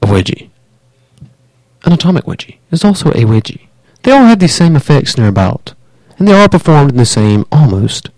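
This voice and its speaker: A man's voice: on the high side, big pitch swings, brisk, darkish tone, no room sound, rough recording. A man co-hosting a casual podcast, chiming in with incredulous, joking asides. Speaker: podcast co-host. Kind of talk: casual chat.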